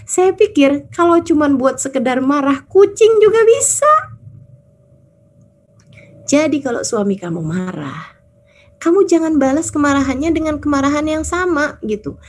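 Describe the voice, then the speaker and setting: Female preacher, casual storytelling style, lively quoted voices, pitched a bit high. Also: moderate pace. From Indonesia. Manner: chatty, animated storytelling, acts out quoted people. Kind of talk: casual religious talk.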